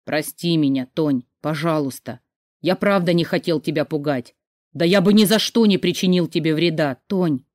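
A woman reading an audiobook voices the heroine's brother, a young man pleading in a quiet, guilty voice. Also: sits low, normal speed, no echo, clean studio sound, lightly acted. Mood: remorseful whisper.

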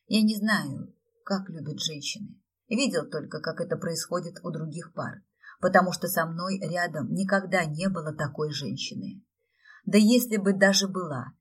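A woman voicing a gentle, reserved man who soothes a young woman in a soft, hushed way. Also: lowish voice, breathy edge, far from the mic.

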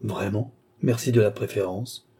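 A man's voice: fairly low pitch, normal speed, mellow, slightly rough. A man voicing a proud, impatient young nobleman in an audiobook, in a haughty, dry way.

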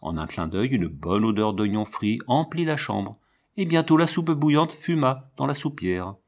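A man reads a classic children's novel aloud in a calm, measured way. His voice sits at an ordinary male pitch, steady and unhurried, like a careful audiobook narrator. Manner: steady, measured storytelling delivery.

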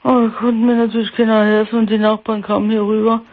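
A woman in her sixties calling in to a radio show, grieving and near tears, speaking haltingly and repeating herself. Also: on the high side, flat delivery. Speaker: caller. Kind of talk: phone-in call. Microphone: telephone. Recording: tinny phone line.

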